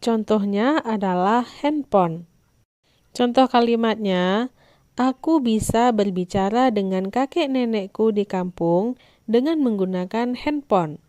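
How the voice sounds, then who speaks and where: A woman's voice: a little high, lively intonation, slow, mellow, no room sound. Woman teacher narrating a children's lesson. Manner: clear, instructive, addressing children directly.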